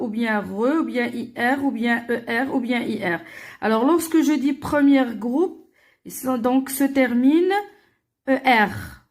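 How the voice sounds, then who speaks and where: Woman teacher, slightly high voice, slow patient worksheet walkthrough for young pupils, repeats every answer. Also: darkish tone. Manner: slow and deliberate, repeats answers, many "alors" and "euh".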